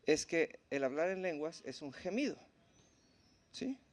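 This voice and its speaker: A man teaching at a church in a relaxed, conversational way, often checking in with the congregation. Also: fairly high pitch, unhurried. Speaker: preacher.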